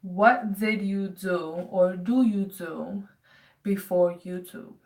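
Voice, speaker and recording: A woman's voice: mid-range voice, steady tone, slow pace, a little mellow, recorded from a distance. A woman in her twenties from the United States chatting casually in a home Q&A vlog, rambling with many fillers. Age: 20s. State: dry throat. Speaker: vlogger.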